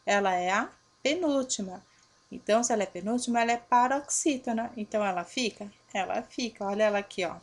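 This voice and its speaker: A woman teacher, giving a recorded lesson to her pupils, patiently asking and answering her own questions and spelling out letters slowly. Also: mid-range voice. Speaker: primary school teacher. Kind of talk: recorded remote grammar lesson.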